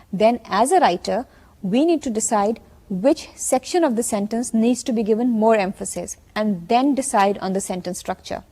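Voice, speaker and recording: A woman's voice: fairly high pitch, mellow. A woman university lecturer, explaining points in a recorded distance-learning lecture. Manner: explains slowly, switching into fast Urdu asides.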